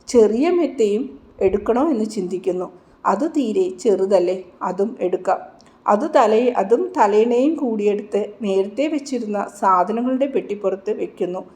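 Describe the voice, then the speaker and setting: A woman narrates a devotional story in a slow, reverent reading voice. Her tone is soft and mellow, with a plain middle pitch.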